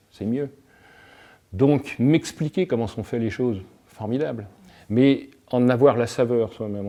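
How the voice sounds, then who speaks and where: A man's voice: medium pitch, dark tone. A man speaking as a guest in a discussion, philosophical and playful, telling everyday anecdotes and playing with words. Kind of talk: reflective talk in a discussion.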